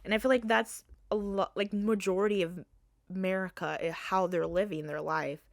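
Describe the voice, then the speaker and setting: A woman's voice: mid-range voice, steady tone, normal speed, creaky, dry recording, clean studio sound. A young woman hosting a casual solo podcast, talking animatedly, swearing freely and laughing as she goes. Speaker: podcast host.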